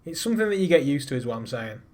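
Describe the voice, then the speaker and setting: This streamer's voice runs on the high side with a darkish tone, and he talks very fast and very animatedly. He keeps up casual, self-deprecating banter with viewers as he flies through a space game.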